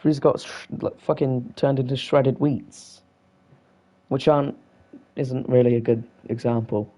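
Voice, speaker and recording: A man's voice: medium pitch, steady tone, a little slow, mellow. A young man casually chatting and swearing freely while live-streaming a video game.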